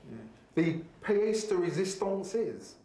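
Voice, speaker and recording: Lively, playful male food show presenter. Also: high voice, takes it slowly, a little hiss or hum. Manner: playful, theatrical delivery. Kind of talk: TV presenting and voice-over narration.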